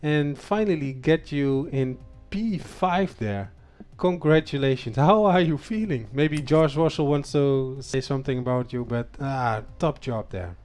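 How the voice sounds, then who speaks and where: A man hosting a live racing league stream, talking with many fillers and stumbles, sometimes shouting drivers' names. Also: mid-range voice, measured pace, few pauses, faint music behind. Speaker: race league host. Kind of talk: live post-race chat.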